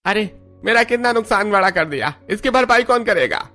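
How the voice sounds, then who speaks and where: A man's voice: sits high, expressive, moderate pace, sharp tone, soft background music. A man voicing a rude, greedy shopkeeper in a cartoon story, blunt and complaining.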